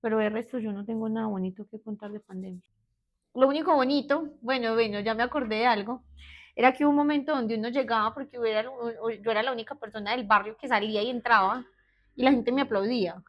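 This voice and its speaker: Her voice on the high side and her pace quick, a Colombian therapist in her thirties from Medellín recounts her own story as an interview guest. She is open yet hesitant, often beginning sentences again, and the audio is dull.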